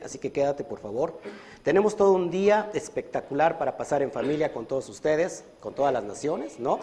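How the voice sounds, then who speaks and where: Earnest man teaching a livestreamed lesson. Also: on the high side. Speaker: Kabbalah teacher and community leader. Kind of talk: livestreamed religious study lesson.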